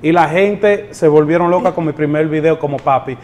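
High-voiced Dominican man, easygoing. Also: normal speed, a little mellow. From born in the United States to Dominican parents. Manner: easygoing, repeats words, mixes in English phrases. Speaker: guest. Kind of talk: casual interview talk.

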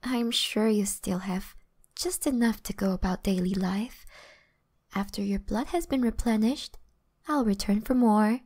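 A woman playing a flirtatious, gentle but predatory female vampire in an ASMR role-play, teasing and softly boastful. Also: mid-range voice, unhurried, natural voice. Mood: amused, coaxing.

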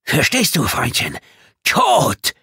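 A man's voice: a little high, wildly swooping pitch, slow, gravelly, pushed and bright, breathy edge, dry recording, clean studio sound, voice pushed up, heavily acted. A man voicing a furious, bloodied Southern captain who screams threats, his voice strained and far from the mic. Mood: enraged.

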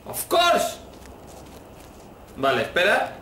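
A man from commenting casually on a horror game, excitable, swearing and yelling at it. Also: sits high, drawn-out words, reverberant, far from the mic, slight background noise. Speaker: gameplay commentator.

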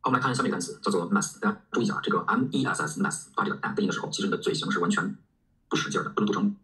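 A man's voice: on the low side, racing, pushed and bright, soft background music. A man teaching English vocabulary in a recorded lesson, explaining words and spelling them out letter by letter.

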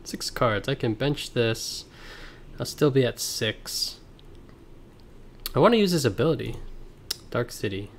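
A man's voice: medium pitch, animated, unhurried, long pauses, a little hiss or hum. Man streaming over headset mic audio. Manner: thinks aloud, reads card text, chats with viewers. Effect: livestream headset audio. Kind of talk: casual gameplay commentary. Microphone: livestream headset mic.

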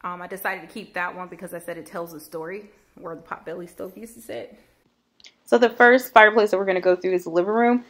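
A woman with a somewhat low voice talks through her house renovation in a relaxed, chatty way. She leans on fillers and loose asides as she narrates. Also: quick pace. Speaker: home renovation vlogger. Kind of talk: casual voice-over narration of a home renovation.

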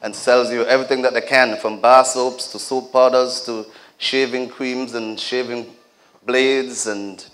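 A man's voice: medium pitch, level tone, a little slow, a bit bright. Guy speaking at a community event, talks right to the crowd, cracks jokes, kinda preachy rhythm. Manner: addresses the audience directly with joking asides. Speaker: community leader giving a speech. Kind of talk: speech at a community celebration.

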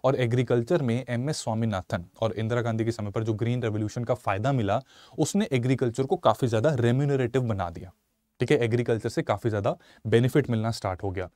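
A man in his thirties from Punjab teaching a live online exam-prep lecture in a studio, animated and mixing Hindi and English while asking viewers questions. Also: mid-range voice, fast talker, no room sound. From Punjab, India. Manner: animated, switches between Hindi and English, asks viewers questions, gestures a lot. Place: studio in front of a slide screen. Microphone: lapel mic.

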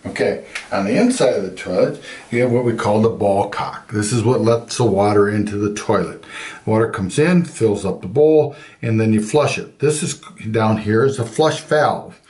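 An older man, a master plumber, explaining toilet parts in a casual how-to, plain-spoken with frequent pauses and fillers. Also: lowish voice, animated, darkish tone. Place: home bathroom.

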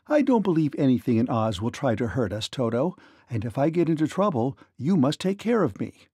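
A man reading a children's story aloud and voicing a brave, cheerful little girl in a slightly higher, earnest voice. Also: sing-song, a little fast, dark tone, breathy edge, dry recording, clean studio sound. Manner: plucky, earnest.

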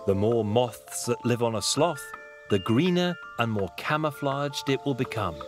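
A man's voice: mid-range voice, expressive, measured pace. A man delivering scripted narration for a nature documentary. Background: music.

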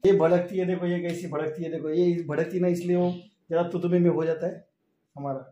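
A man's voice: on the high side, little pitch movement, fairly quick, warm tone, muffled recording. A man in his thirties at home teasing his wife on camera, saying the same things over and over in a mocking way. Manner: teasing, repeats himself mockingly. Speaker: vlogger's husband. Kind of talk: teasing banter. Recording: echoey home room with faint noise.

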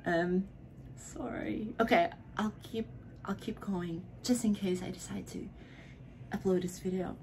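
Tipsy in her bedroom, the Tagalog-speaking vlogger from the Philippines slurs, giggles and slips into whispers while responding to viewers' questions. The poor audio, with slight background noise, captures a mid-range, darkish, creaky voice that stays steady and a little slow.

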